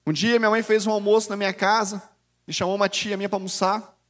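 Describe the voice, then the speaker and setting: A man with a Brazilian Portuguese accent preaches a sermon as a bishop, speaking quickly in a high, level, slightly bright voice. He's animated and conversational, often calling his listeners "dear," and a long reverb tail trails his words.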